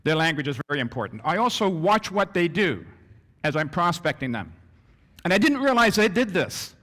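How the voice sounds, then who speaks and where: A man giving a business presentation to an audience, animated and acting out little scenes as he talks. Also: fairly high pitch, moderate pace. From Canada. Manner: animated, acts out scenarios in character voices. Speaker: business trainer. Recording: long reverb of a hall.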